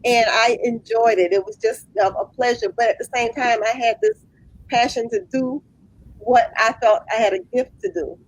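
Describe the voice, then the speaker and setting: A woman's voice: on the high side, normal speed, low-quality recording. A woman in her late fifties, a guest business owner, earnestly explaining her craft step by step in a casual interview. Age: 50s.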